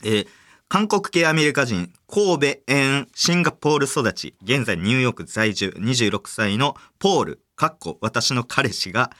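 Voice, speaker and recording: Lively jokey Kansai-accented man. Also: medium pitch, moderate pace. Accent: Kansai Japanese. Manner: jokey, playful banter with lots of laughter. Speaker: podcast host. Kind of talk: casual comedic podcast chat.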